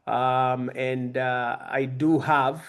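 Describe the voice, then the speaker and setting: A man's voice: mid-range voice, flat delivery, extremely slow, clean tone. A man in his fifties from Uganda, giving a conversational, self-deprecating personal talk to young people as a guest speaker. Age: 50s.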